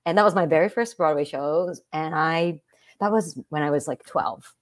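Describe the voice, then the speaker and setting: A woman's voice: low voice, moderate pace. A woman from Japan with a Japanese accent, a guest in a casual interview, friendly and giggly, sometimes searching for words. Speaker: guest performer.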